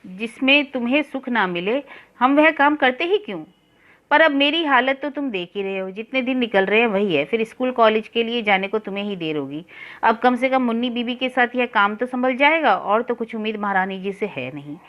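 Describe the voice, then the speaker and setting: A woman's voice: a little high, animated, brisk, fairly bright tone, pitched above the performer's own voice. A woman voicing a talkative, scolding middle-aged sister-in-law with rustic speech, reading a novel aloud. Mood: grumbling. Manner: nagging, chatty, rustic speech.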